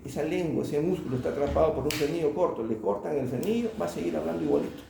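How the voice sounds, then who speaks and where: A man lectures a class from a distance, his dark, gravelly voice bouncing around a very echoey room. Faint noise sits under the recording. He keeps throwing questions at the students and tags his points with "¿no?". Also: a little high. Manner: asks the class questions, tag "¿no?". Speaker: oral surgery lecturer.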